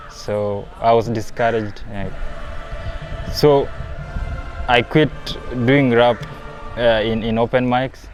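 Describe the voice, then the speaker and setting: Speaking in a mid-range voice, the young South Sudanese man reflects on his story for a documentary. Talk of performing makes him more animated.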